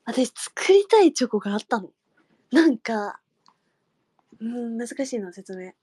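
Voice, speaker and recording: A young woman chatting casually with fans on a livestream, giggling and dropping into soft murmurs and whispers. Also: on the high side, sing-song, a little slow, breathy edge, no room sound, studio quality. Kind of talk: casual chat.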